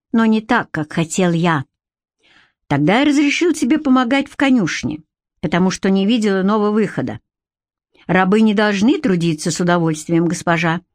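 A woman's voice: mid-range voice, no echo, studio quality, natural voice. A woman reading the part of a cold, cynical Viking warrior who curtly orders his captive about. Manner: curt, coolly commanding, cynical.

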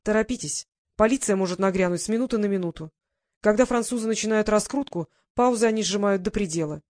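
An urgent young English gentleman in a storybook reading, voiced by a woman narrator presses his warnings hard and fast. He sounds blunt and insistent. The recording is dry and close. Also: medium pitch, dry recording, lightly acted.

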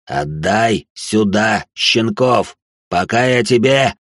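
A gruff, hostile poacher with a husky, slightly raised voice, as the storyteller puts him on. He barks orders and threats in a dry, close recording. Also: fairly low pitch, expressive, slow, no room sound. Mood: threatening. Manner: barking and threatening. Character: gruff armed male village poacher, hostile.

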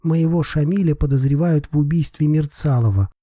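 A man's voice: a little high, moderate pace, dark tone, no room sound, clean studio sound, voice pushed up, lightly acted. A man reading an audiobook voices a proud, desperate older father who pleads emphatically in broken phrases.

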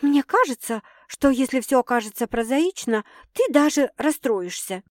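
Woman doing an unsure young woman, kinda defensive, higher voice, dry mic. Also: animated, normal speed, dry recording. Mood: unsettled. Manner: hesitant, sighing, a little defensive. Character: flustered young woman, wary but curious.

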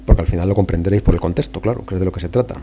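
A podcast host with a Spain Spanish accent talks solo in a casual, informal way, coaxing listeners and repeating words for emphasis. His voice sits low and mellow, the delivery rapid-fire, with a little hiss or hum in the background.

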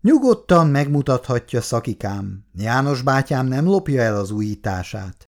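A man's voice: mid-range voice, sing-song, a little mellow. A man reading aloud as a blunt, bossy factory foreman. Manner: gruff and commanding. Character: middle-aged male foreman, blunt and bossy.

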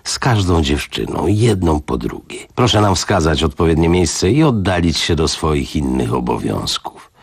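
A man reading the part of a mild, ingratiating older gentleman investigator who speaks in a gentle tone. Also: very deep voice, big pitch swings, slightly rough, no echo, clean studio sound, full character voice. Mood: silky. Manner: soft, gentle, unhurried.

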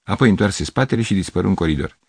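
A man narrates a literary story in a measured, steady reading. His voice is deep and husky. The sound is dry and close. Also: no room sound.

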